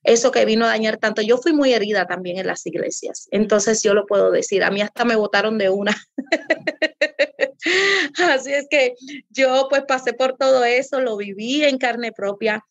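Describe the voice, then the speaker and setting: A woman's voice: on the high side, normal speed, dry recording. A woman pastor speaking earnestly as an interview guest, in a preacherly way that repeats for emphasis. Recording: dull lo-fi audio.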